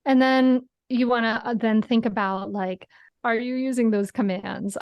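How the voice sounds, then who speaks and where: A woman's voice: a little high, steady tone, a little slow, dry recording, dull audio. A woman guest explaining parenting practices in casual chat, earnest and explanatory, often adding a tag question.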